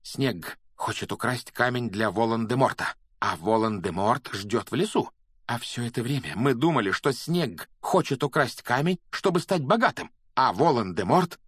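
A man's voice: fairly low pitch, moderate pace, no echo, studio quality, lightly acted. A man voicing a frightened, agitated schoolboy in a storybook reading, speaking in a tense, urgent way.

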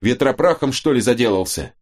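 A man voicing a blunt, coarse-spoken male helper in a low, gruff voice. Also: a little fast. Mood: angry.

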